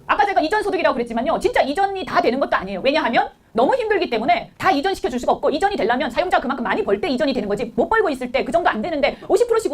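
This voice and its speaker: A middle-aged woman delivers a blunt, indignant political speech at a breakneck pace. Her voice sits very high and swings up and down with lively intonation. She keeps firing rhetorical questions at the listener. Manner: emphatic, full of rhetorical questions. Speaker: political speaker.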